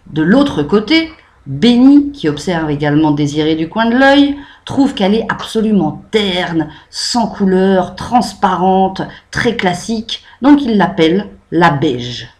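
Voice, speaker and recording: A woman's voice: fairly low pitch, sing-song, measured pace, a little mellow. Chatty French woman reviewing a book. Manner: chatty, many "euh" fillers, improvised. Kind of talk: improvised book review to camera.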